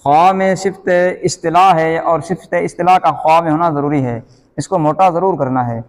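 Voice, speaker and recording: A man with a Pakistani Urdu accent gives a slow beginner's lesson, drawing out each letter sound and calling it out loudly. His voice sits slightly high. The recording rings with a long, hall-like reverb. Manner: patient, repeats letter sounds slowly and loudly. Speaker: Quran reading teacher.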